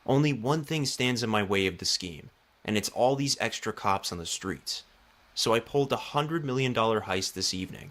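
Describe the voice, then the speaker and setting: A man reading out the lines of a cruel, scheming male comic-book villain in a calm voice close to his own narration. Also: fairly low pitch.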